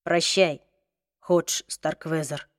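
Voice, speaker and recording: A woman's voice: sits low, fairly even intonation, takes it slowly, no room sound, clean studio sound, pitched below the performer's own voice. Woman voicing a commanding young warrior. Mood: stern. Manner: commanding, urgent. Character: young man, urgent and stern warrior.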